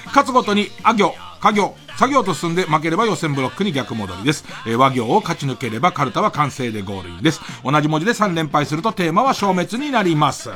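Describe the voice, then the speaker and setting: A man's voice: on the high side, animated, quick pace, few pauses, bright, forceful tone, soft background music. A middle-aged man hosting a late-night radio show, rambling through a monologue and laughing between remarks, close on a studio mic.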